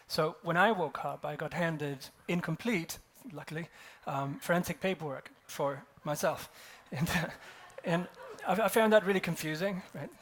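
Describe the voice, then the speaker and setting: A man in his forties speaking at a conference, telling a grim personal story wryly and with a self-deprecating humor. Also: fairly high pitch. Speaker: conference speaker, company co-founder. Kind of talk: conference talk with personal anecdote. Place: conference stage.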